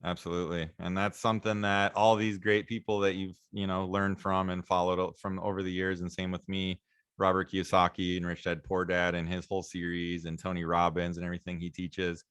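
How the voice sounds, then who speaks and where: A man in his thirties hosting a podcast, talking calmly and reflectively with frequent affirmations. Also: sits low, a little fast, clean tone, no room sound. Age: 30s. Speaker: podcast host, naturopathic doctor. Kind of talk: casual interview chat.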